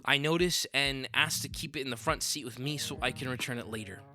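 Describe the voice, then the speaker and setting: A man's voice: medium pitch, fairly quick, pushed and bright. A man narrating a story in a conversational, offhand manner with sudden upward swoops. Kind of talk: reading a story aloud.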